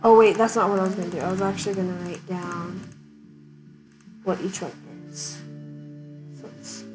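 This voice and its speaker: A woman's voice: fairly low pitch, fairly even intonation, moderate pace, over music, low-quality recording. Chatty woman streamer narrating a game. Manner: chatty, giggly, thinking aloud. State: hiccups. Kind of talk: casual let's-play commentary.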